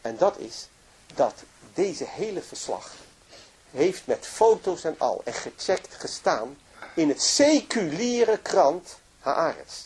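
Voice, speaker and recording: Husky, animated storytelling speaker. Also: male voice, a little high, slow pace. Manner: lively, emotive narration with frequent restarts. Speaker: religious speaker. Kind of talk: storytelling lecture.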